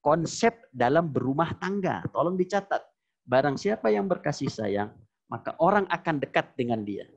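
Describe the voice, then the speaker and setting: A male Islamic preacher giving a religious lesson to a congregation, speaking emphatically, repeating phrases and breaking into high exclamations, with Arabic verses recited between his explanations. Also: expressive, moderate pace, gravelly. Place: Islamic boarding school lecture. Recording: dull lo-fi recording.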